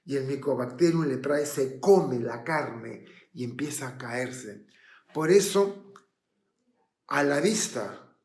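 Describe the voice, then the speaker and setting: Dramatic preacher in a roomy hall. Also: male voice, fairly high pitch. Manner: dramatic storytelling, swinging from hushed to loud. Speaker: pastor. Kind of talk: sermon. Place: church.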